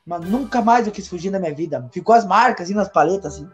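A man's voice: high voice, fast. Tell it like a man spinning a story. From Paraná, Brazil. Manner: animated storyteller, acts out voices in anecdotes. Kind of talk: casual podcast storytelling. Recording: dull recording with faint music.

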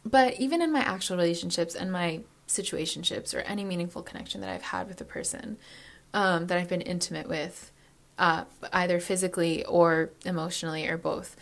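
A woman's voice: lowish voice, brisk, vocal fry. Rambling young woman thinking aloud. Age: early 20s. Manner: candid and reflective. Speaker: vlogger. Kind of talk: casual confessional chat.

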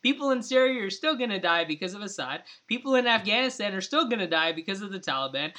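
A man co-hosting a casual politics podcast, debating with real passion. His voice sits high and sounds bright and forceful. He rambles, circling back with "like" and "I mean". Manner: impassioned, rambling, many "like" and "I mean" fillers. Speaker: podcast co-host.

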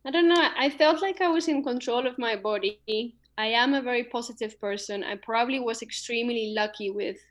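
A young woman with a slightly high voice talks with a friend in a warm, positive way, thinking aloud and agreeing often. She sounds easygoing and sure of herself. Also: a little fast, hardly any pauses. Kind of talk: casual chat.

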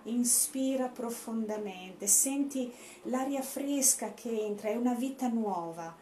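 A woman leading a guided breathing meditation as an instructor, speaking in a deliberate, instructive way with pauses. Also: fairly high pitch, mellow. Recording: echoey room, faint background noise.

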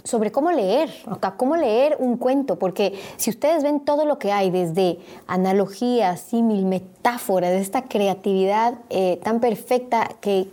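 A woman interviewer who asks long, winding questions full of small pauses and fillers. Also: medium pitch, mellow.

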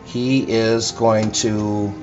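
A man's voice: lowish voice, level tone, extremely slow, a little mellow, highs cut off, soft background music. A man speaking as a priest at Mass, addressing a congregation in scripture reading and sermon.

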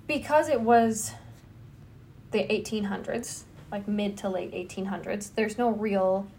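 Talking through a true-crime case in a loose, chatty way, this young adult podcast host leans heavily on "like" as a filler. Her voice is a little high with a darkish tone, and there's slight background noise.

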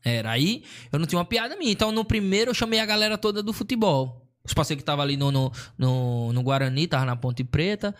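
A man, a comedian, telling a long story in casual chat, slangy and animated, acting out what people said. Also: fairly high pitch, fast talker, few pauses. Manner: slangy, animated, acts out quotes.

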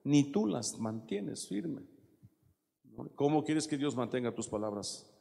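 A man preaching a sermon in a gravelly voice, talking with his listeners rather than at them and often checking in with rhetorical questions. His voice rings with the long reverb of a large hall. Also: medium pitch, lively intonation, slow pace, dark tone. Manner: conversational preaching with frequent rhetorical asides.

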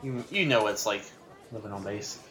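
A man's voice: on the low side, brisk, pushed and bright. Matter-of-fact man at a tabletop game. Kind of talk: casual in-character talk.

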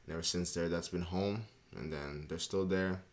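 A young Canadian man appears as a podcast guest in a casual interview, chatting loosely and frequently checking in with "you know what I mean." His voice sits low, with a steady tone at a normal speed.

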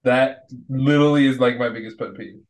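A man's voice: medium pitch, steady tone, fairly quick. A young man just out of law school, co-hosting a podcast and griping in casual chat. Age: young adult. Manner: laughs along, short agreeing echoes. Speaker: podcast co-host.

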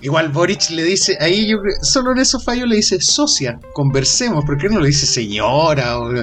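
A Chilean man gives his views in casual political chat, slangy and quick to joke and laugh. His voice sits a little above average for a man. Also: fairly high pitch, very animated, fairly bright tone, soft background music. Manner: joking, laughs easily, colloquial. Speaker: podcast panelist.

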